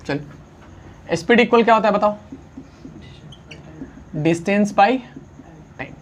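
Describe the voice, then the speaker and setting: A man teaching a science lesson, constantly asking the class questions and answering them himself, urging students to write fast and mixing English unit names into his talk. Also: sits high, a little hiss or hum. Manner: urges students to write quickly, calls them friend.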